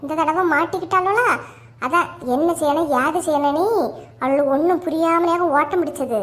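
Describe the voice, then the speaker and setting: A woman voicing an indignant, gossiping village neighbour in a cartoon, speaking with a Kanyakumari Tamil accent in a quick, complaining, sing-song way. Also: high voice, close to an everyday voice. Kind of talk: cartoon voice acting.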